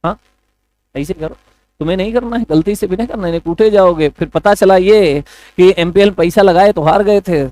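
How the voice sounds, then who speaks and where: High-voiced joking Hindi coaching teacher. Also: male voice, moderate pace, darkish tone, no echo, poor audio. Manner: chatty, joking, addresses students as beta and bhaiya. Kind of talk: online class lecture.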